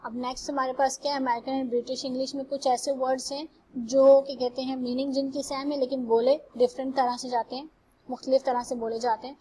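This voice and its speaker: A woman teaching English grammar, reading example sentences slowly and carefully before translating them. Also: sits high, level tone, mellow, breathy edge, rough recording. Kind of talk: classroom lecture.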